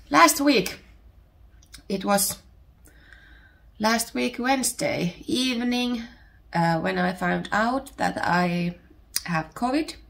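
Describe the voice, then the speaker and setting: Hosting a podcast from home, this thirtysomething woman from Finland speaks with a Finnish accent in casual chat, stopping to search for words while her voice heals from illness. She sounds fairly high-pitched and fairly bright, with vocal fry.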